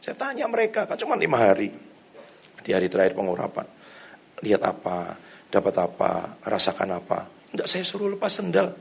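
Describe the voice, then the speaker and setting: A middle-aged male pastor, preaching in a loose storytelling way. His voice is gravelly and a little husky, and he laughs often between stories. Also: on the low side, huge pitch swings, moderate pace. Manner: conversational storytelling, laughs often, javanese-flavoured casual indonesian. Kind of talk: sermon. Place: church hall.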